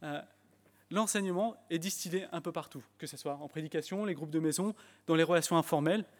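Speaking a little fast in a voice on the high side, this man delivers a French sermon with an English accent. Now and then he turns emphatic, and he often restarts phrases with fillers. A church hall's long reverb surrounds the recording.

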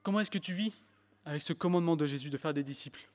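Man, english accent, preaching a sermon, fairly high voice, long hall reverb, emphatic with fillers. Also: rapid-fire. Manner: animated preaching, rising emphasis, frequent fillers and restarts. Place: church hall.

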